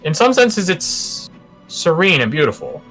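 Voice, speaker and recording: A man narrating a tabletop game as game master, moving between dramatic, drawn-out description and casual asides. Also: a little high, very animated, a bit bright, soft background music.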